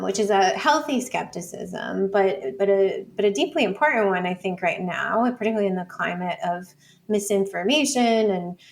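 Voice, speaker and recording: A creaky, medium-pitched female voice belongs to a data scholar and teacher appearing as an interview guest; she explains informally, thinking aloud with lots of "like" and "you know."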